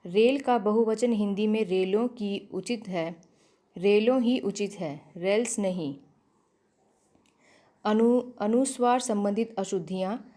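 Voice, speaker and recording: Slow, mellow-voiced woman teaching grammar. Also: mid-range voice. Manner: slow, repeats each word twice, corrects her own slips. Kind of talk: exam-prep grammar lesson read from notes.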